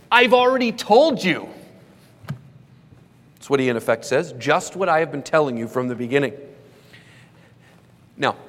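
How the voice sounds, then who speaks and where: Male pastor, mid-range voice, measured sermon delivery, long reverberant church hall. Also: mid-range voice, a bit bright. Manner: measured preaching, slows for emphasis, dramatizes quoted questions.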